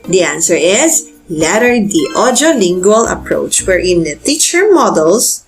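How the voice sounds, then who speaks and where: A woman's voice: on the low side, sing-song, unhurried, faint music behind. A woman teacher reading exam review questions and their choices aloud. She explains each answer and asks the listener questions.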